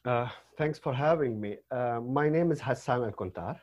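A man's voice: medium pitch, moderate pace, a little mellow, highs cut off. A man from Syria, telling his story as a guest, hesitant with many fillers and restarts. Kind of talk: personal story in an interview.

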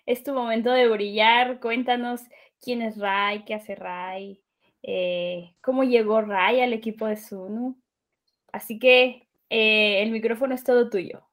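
Woman podcast host, higher voice, upbeat welcome. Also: steady tone, slow pace, a bit bright. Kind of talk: podcast hosting.

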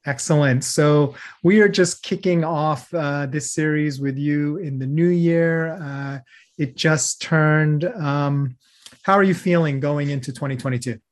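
A man's voice: a little high, unhurried. A man hosting a podcast interview, upbeat and friendly, moving from a scripted intro into casual questions. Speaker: podcast host.

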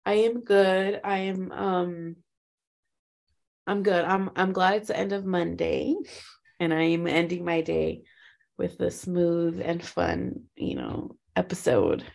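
A woman's voice: fairly low pitch, slow, creaky. A woman co-hosting a podcast in casual chat, laughing easily and talking with many fillers over a remote call. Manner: relaxed, laughing, full of fillers. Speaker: podcast co-host.

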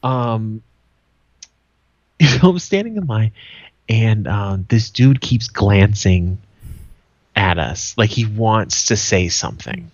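A man's voice: on the low side, animated, takes it slowly, long pauses, no room sound, dull audio. A man co-hosting a podcast, telling a story in a loose, profane way with frequent laughs. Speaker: podcast co-host. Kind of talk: casual chat, storytelling.

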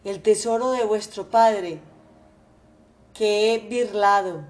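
A woman's voice: mid-range voice, takes it slowly, far from the mic, natural voice. A woman voicing a sly male servant who hurries his master along in an urgent, conspiratorial way.

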